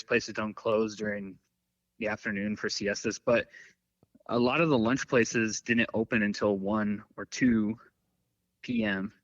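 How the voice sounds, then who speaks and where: Rambling through filler-laden anecdotes, a podcast guest keeps the conversation casual. He has a lowish voice with a touch of brightness. There's no echo on the dull, dry, lo-fi recording.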